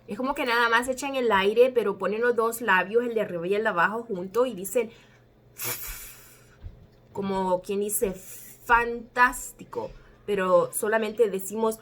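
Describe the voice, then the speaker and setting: A woman's voice: medium pitch, fairly even intonation, a bit bright. A woman whose first language is Spanish, teaching English letter sounds and carefully spelling out each word. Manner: slow, careful, drawn-out spelling.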